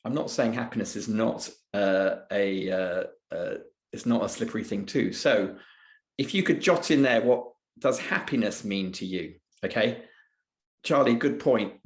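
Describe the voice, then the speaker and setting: A man's voice: fairly low pitch, unhurried. Guy running a webinar, chatty and loose, reading chat answers out, echoey room. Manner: conversational, reads out audience chat answers. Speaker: webinar host and presenter. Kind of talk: live webinar presentation.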